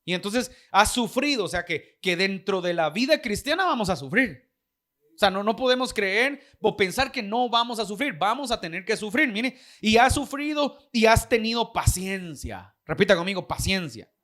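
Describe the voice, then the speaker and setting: A man's voice: high voice, animated, moderate pace, pushed and bright. A man preaching a sermon as pastor, with a Guatemalan Spanish accent, putting questions to the congregation.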